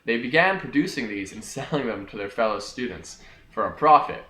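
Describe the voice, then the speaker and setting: Bright-voiced young man in an echoey room. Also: medium pitch, expressive, a little fast. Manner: jokey, talks back to himself. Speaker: host of a homemade history video. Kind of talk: scripted comic history lesson.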